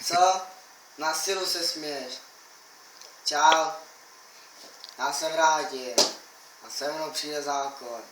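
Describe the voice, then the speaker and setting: A man's voice: a little high, long pauses. A young man rambling to the camera in a brash, crude, taunting way. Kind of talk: rambling boastful monologue to camera. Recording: echoey room, mic at a distance, faint hiss.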